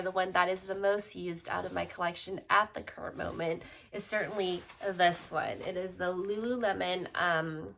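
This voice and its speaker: A young woman YouTuber reviews a bag at home in a relaxed, chatty way, her speech full of fillers. She sounds congested, and her medium-pitched voice is creaky.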